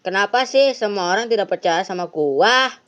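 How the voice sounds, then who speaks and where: A woman voicing an angry, suspicious young boy who shouts accusations, on a lo-fi recording. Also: medium pitch, expressive, normal speed, voice pushed up, close to an everyday voice. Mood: accusing. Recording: lo-fi, dull sound.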